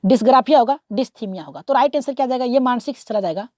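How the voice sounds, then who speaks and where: A woman's voice: on the high side, racing, a little mellow, no room sound. A woman teaching an online exam-prep lesson, working through multiple-choice questions. She keeps asking rhetorical questions, repeats "okay" often and urges viewers to comment and subscribe.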